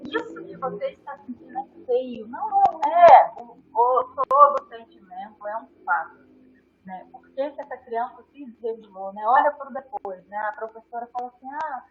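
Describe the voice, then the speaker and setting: A woman with a fairly high voice speaks as a guest doctor, explaining child behaviour in lively interview talk. She keeps tagging her phrases with a quick questioning word and slips into the voices of parents and teachers. The sound is dull and lo-fi. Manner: animated, acts out quoted adults, frequent "né?" tags. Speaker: guest neuropediatrician.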